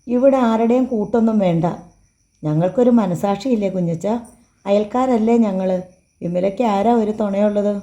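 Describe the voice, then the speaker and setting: A woman's voice: medium pitch, normal speed, lo-fi sound, natural voice. Woman reading an indignant woman neighbor. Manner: sharp, reproachful questions.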